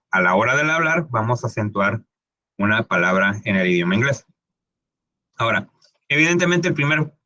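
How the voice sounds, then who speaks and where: A man's voice: medium pitch, pushed and bright, no echo. A man giving a casual English pronunciation lesson, often checking in with "¿ok?" and stretching out sounds to demonstrate them. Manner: conversational, often asks "¿ok?"; many fillers and restarts, stretches words to demonstrate sounds. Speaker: English teacher.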